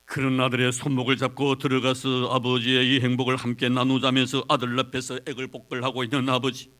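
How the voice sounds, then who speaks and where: A man preaching a sermon as pastor, retelling a story dramatically with big swings between quiet and loud. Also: medium pitch, completely flat delivery, fairly quick.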